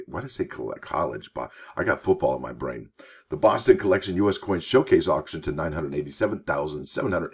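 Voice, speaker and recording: A man's voice: low voice, breathy edge. A man hosting a coin news show, reading articles aloud with chatty, enthusiastic asides to his viewers. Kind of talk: casual news commentary.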